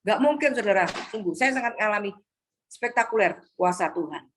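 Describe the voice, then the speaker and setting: A woman's voice: mid-range voice, expressive, brisk, a little hiss or hum. A woman preaching an exhorting sermon to a congregation on a video call, often calling the listeners "Saudara".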